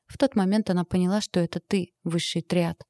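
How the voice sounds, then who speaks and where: A woman narrating a first-person audiobook in an even, steady reading. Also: on the low side, a little fast, no echo, studio quality.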